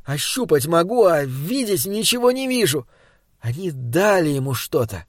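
A man voicing an anxious young man who speaks in a halting, shaken way. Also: a little high, very animated, no echo, clean studio sound. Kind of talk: audiobook character reading.

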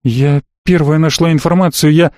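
A woman's voice: sits low, fairly even intonation, moderate pace, darkish tone, no room sound, clean studio sound, lightly acted. A man reading an audiobook, voicing a frightened young woman who speaks in an anxious, pleading way.

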